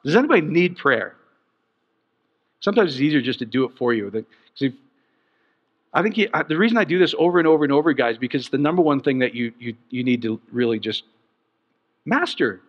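A middle-aged man preaching a sermon in an animated, joking way, often breaking into laughter. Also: medium pitch, brisk, pauses often. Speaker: pastor. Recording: dull sound in a long-reverb hall.

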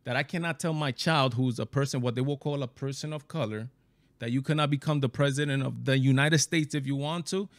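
A man's voice: mid-range voice, no echo. Dominican-born man, dry close mic. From Dominican Republic. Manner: halting, restarts, emphatic. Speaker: show host. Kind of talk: casual debate on a video call. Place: small room indoors. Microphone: headset and studio mic.

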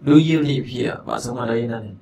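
A male teacher running an English lesson, repeating phrases slowly and glossing them, with chatty, joking asides. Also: medium pitch, darkish tone, slight background noise. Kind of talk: language lesson explaining a listening exercise.

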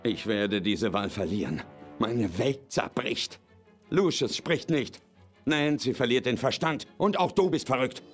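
A man's voice: medium pitch, lively intonation, measured pace, faint music behind, close to an everyday voice. An actor playing a distressed grown son in a video game, pleading with and accusing his father. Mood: despairing. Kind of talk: dramatic video game acting, German dub.

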